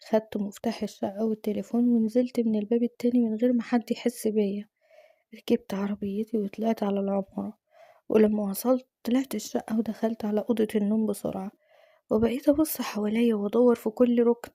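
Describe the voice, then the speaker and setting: A woman's voice: on the high side, steady tone, warm tone, dry recording, clean studio sound. A woman with an Egyptian accent narrating an emotional first-person story. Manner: emotional, fast-flowing.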